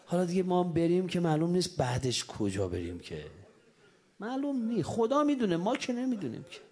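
A man preaching a religious sermon to young listeners, swinging between loud urging and soft whispered asides. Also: high voice, huge pitch swings.

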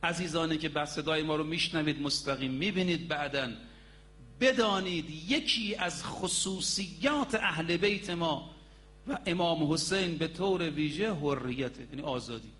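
A man's voice: a little high, a bit bright. A man preaching a sermon. He tells stories emphatically, stretches out key words, and speaks directly to his audience. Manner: storytelling, addresses the audience directly.

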